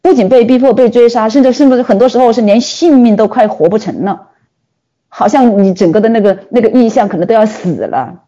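A woman preacher giving a sermon, telling the story with animated delivery and frequent rhetorical questions. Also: on the high side, a little fast, muffled recording.

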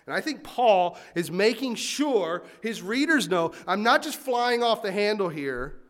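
A man as a pastor preaching a sermon in a lively, conversational way, with asides to the congregation. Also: high voice, unhurried.

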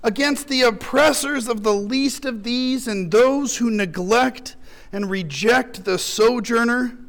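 A man's voice: extremely high pitch, takes it slowly, creaky, fairly bright tone. A male pastor delivering an impassioned sermon, building through rhetorical questions.

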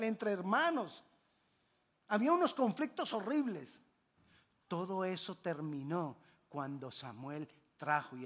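A man preaching. He swings from ringing exclamations to hushed, low asides. He drives his points home with repeated rhetorical questions. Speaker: pastor. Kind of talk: sermon.

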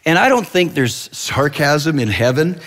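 A man's voice: a little high, big pitch swings, measured pace, a bit bright, long reverb tail. A male pastor giving a conversational sermon, telling stories with restarts and asides.

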